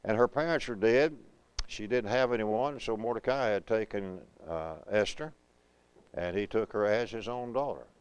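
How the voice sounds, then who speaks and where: Low, smooth-voiced man teaching a Bible class. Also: rough recording. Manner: conversational, asks the class questions and answers them; reads verses slowly and deliberately. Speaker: preaching school instructor. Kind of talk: Bible class lecture, reading scripture aloud and explaining it.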